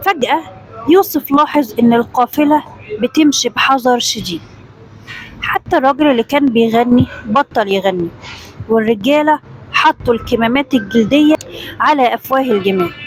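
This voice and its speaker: A woman with an Egyptian accent narrating a children's story in a lively, dramatic way. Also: a little high, poor audio.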